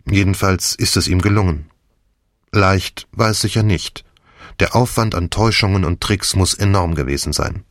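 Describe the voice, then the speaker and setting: A man narrating an audiobook in the first person with a calm, measured reading. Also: low-pitched, no echo, studio quality.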